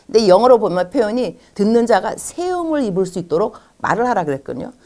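Lively woman giving a teaching talk. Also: medium pitch, fast talker. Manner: animated, acts out quoted dialogue in shifting voices. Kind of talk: lecture-style talk.

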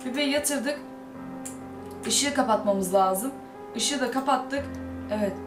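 Casting: high-voiced woman gamer, casual commentary, yelps when scared, game music loud behind. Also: slow, echoey room. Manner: jumpy, exclaims and shrieks when scared. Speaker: gaming YouTuber. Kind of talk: casual let's-play commentary.

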